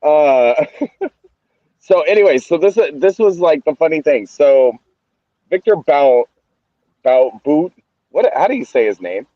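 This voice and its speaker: A man co-hosting a casual podcast. He talks haltingly, with many fillers and a sardonic edge. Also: fairly high pitch, big pitch swings, mellow, no echo, lo-fi sound. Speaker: podcast co-host.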